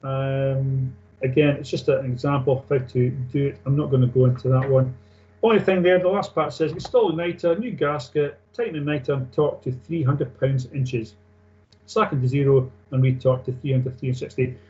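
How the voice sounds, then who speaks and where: A man's voice: mid-range voice, fairly even intonation, moderate pace, a little mellow. A man teaching a technical class, reading out points and explaining them in a matter-of-fact, informal way. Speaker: technical instructor. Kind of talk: classroom lecture on aircraft engine maintenance, reading and explaining. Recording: dull lo-fi sound.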